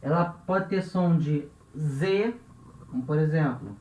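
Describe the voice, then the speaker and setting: Brazilian male teacher, slow and patient, repeats every word, echoey dull room sound. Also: fairly high pitch, a little mellow. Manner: patient, repeats each example word, constant "né?" checks. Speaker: language teacher. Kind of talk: classroom-style language lesson. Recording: roomy, dull lo-fi recording.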